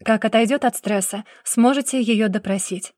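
A woman reading aloud plays a young husband shielding his wife, steady and firm, keeping the others calm. Her own fairly high voice carries him, recorded dry and close. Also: normal speed, no room sound, natural voice.

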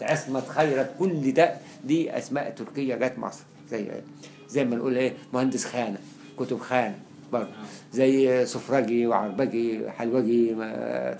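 A man with an Egyptian accent giving a classroom lecture, quickly listing examples and repeating words for emphasis. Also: medium pitch, vocal fry, a little mellow. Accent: Egyptian Arabic. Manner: explains quickly with many examples, repeats words to stress them. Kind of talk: classroom lecture on Arabic spelling.

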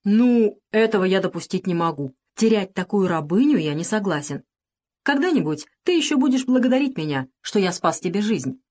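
A woman's voice: medium pitch, expressive, moderate pace, a little mellow, close to an everyday voice. A woman reading the part of a domineering, mocking male plantation owner in an audiobook, with a harsh, commanding delivery. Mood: cold threatening.

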